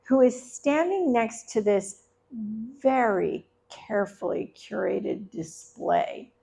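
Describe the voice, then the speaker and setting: A middle-aged woman tells a personal story on stage at a live event. Her voice sits a little high with a gravelly crackle. She talks in a chatty, conversational way, tossing in asides to the crowd. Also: lively intonation, slow, warm tone.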